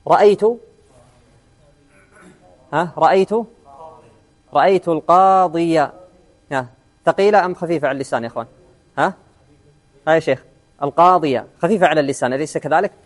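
A man's voice: on the high side, quick pace, long pauses. A man teaching an Arabic grammar lesson in class, often quizzing his students and repeating key words.

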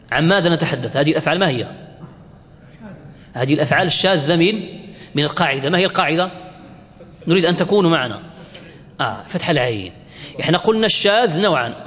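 A man teaching Arabic word forms to a class. He asks the class questions and answers them himself, and he slows right down to spell out each form. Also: on the high side, a bit bright, in a large hall. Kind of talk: classroom lecture.

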